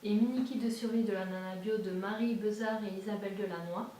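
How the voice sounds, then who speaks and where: A woman's voice: mid-range voice, steady tone, brisk, warm tone. A woman chatting casually as a beauty vlogger, hesitant, with many fillers and restarts. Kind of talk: casual chat. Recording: echoey room, far from the mic, faint hiss.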